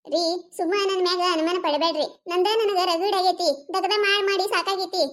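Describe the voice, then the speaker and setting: A sharp-tongued, put-upon young village daughter-in-law from a cartoon comedy, voiced by a woman. Her voice is very high and squeaky, with a North Karnataka Kannada accent. She fires back complaints at a fast clip. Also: fairly even intonation. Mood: protesting.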